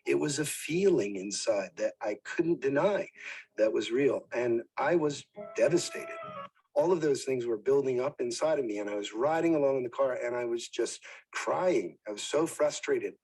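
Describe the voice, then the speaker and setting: A man from New Jersey, a former preacher, gives an earnest, halting personal testimony for a documentary, sometimes dropping to near whispers. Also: medium pitch, expressive, a little mellow, breathy edge, poor audio. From Wildwood, New Jersey, USA.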